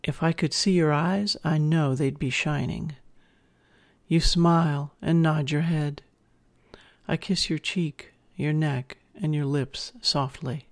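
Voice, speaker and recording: An intimate narrator of erotic audio with a mid-range voice and plenty of gravelly fry. The delivery is measured and addressed straight to the listener, in the role of a dominant partner. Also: mid-range voice, fairly even intonation.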